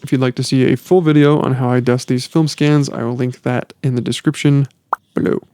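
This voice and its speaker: A man hosting a software tutorial, walking through photo editing step by step in a relaxed way. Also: mid-range voice, fairly quick, a little hiss or hum. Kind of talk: screen-recorded software tutorial. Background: faint background music.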